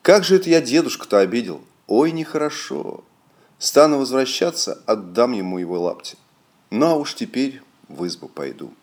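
Мужчина изображает пристыженного парня Ивана. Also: male voice, sits high, takes it slowly, few pauses, dark tone, voice pushed up. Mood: ashamed. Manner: rueful muttering to himself. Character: young peasant Ivan, scared then ashamed.

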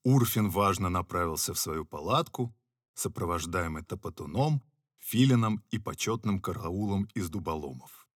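Male audiobook narrator, mid-pitched, animated delivery, dry close recording. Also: moderate pace, no echo. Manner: lively expressive reading.

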